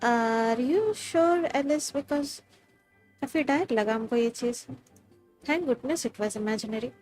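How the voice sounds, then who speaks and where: A woman with an Indian accent gives casual live commentary as a game streamer, mixing Hindi and English. Her voice is on the high side and a little mellow, a little fast, with soft background music.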